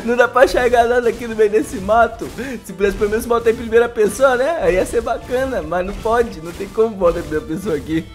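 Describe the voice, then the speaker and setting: Excitable high-voiced Brazilian gamer man. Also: fast, soft background music. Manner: excitable, laughing, talks to viewers as "mano". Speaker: gaming YouTuber. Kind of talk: casual gameplay commentary.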